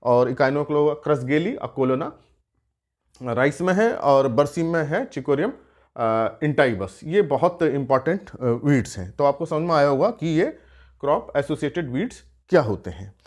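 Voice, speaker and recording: A man's voice: on the high side, expressive, moderate pace, a little mellow. A man teaching an exam-prep lesson on weeds, explaining step by step with rhetorical questions and frequent filler sounds.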